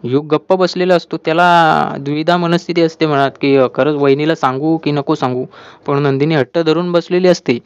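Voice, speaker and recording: A man's voice: on the high side, steady tone, normal speed, smooth, muffled recording. A man recapping a television serial episode, retelling the characters' dialogue in his own voice.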